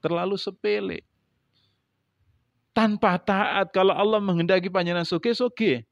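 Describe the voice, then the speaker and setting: A man preaching with an East Javanese accent, switching between loud, emphatic lines and quiet asides while he quizzes his listeners. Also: high-pitched, normal speed, vocal fry, no echo, studio quality. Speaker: preacher teaching a religious book. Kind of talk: sermon. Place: mosque or prayer hall gathering. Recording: dull lo-fi sound.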